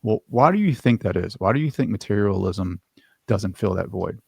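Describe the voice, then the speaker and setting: A man's voice: on the low side, animated, normal speed, vocal fry, breathy edge, dry recording. A man hosting an interview, asking curious, searching questions. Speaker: podcast host. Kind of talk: interview conversation.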